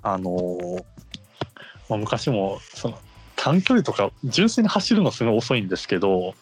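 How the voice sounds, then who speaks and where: Casual podcast male, Kansai accent, animated intonation, explanatory, faint music underneath. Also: on the low side, moderate pace. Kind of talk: casual chat.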